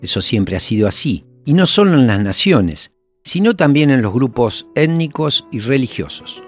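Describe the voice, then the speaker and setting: A man's voice: mid-range voice, sing-song. Male narrator, scripted and reflective, faint music bed underneath. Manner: measured, reflective, rhetorical questions. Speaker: documentary narrator.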